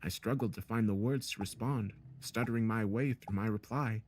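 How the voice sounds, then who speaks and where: A man reading a first-person horror story as narrator in a steady, measured way. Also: fairly low pitch, a little hiss or hum. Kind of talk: scripted narration.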